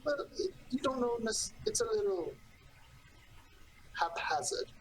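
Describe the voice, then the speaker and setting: A woman's voice: on the high side, animated, unhurried, poor audio. A woman taking part in a tabletop game as a player, with casual role-play. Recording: faint room noise.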